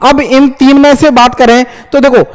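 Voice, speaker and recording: A young man teaching English grammar in Hindi, lecturing to students and firing quick questions he answers himself. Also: very high-pitched. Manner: lively, repeats checks like "understood?". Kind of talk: classroom lecture.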